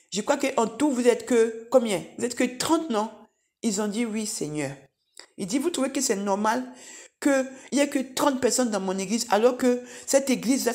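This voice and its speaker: A middle-aged woman giving a spoken church testimony, telling a vision in animated, repetitive storytelling and calling her listeners beloved. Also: a little high.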